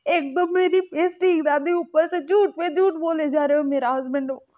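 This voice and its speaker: A woman's voice: a little high, normal speed, a little mellow, muffled recording, natural voice. Woman doing a bratty pastry-mad young man. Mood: whiny outrage. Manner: whiny, petulant scolding. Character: childish young man, pastry-obsessed, throws tantrums.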